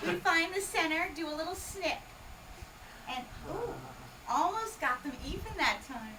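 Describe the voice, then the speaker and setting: The Hawaiian magician speaks at a measured pace in a very high-pitched voice, teasing her small parlour audience and quizzing them amid comic patter. It's recorded from a distance with constant background noise.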